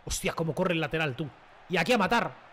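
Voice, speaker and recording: A young man talks through his football video game as he plays, loose and slangy and quick to shout at the big moments. His voice sits high and sounds bright and edgy. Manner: excitable, slangy, shouts at goals. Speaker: gaming youtuber. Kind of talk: live gameplay commentary.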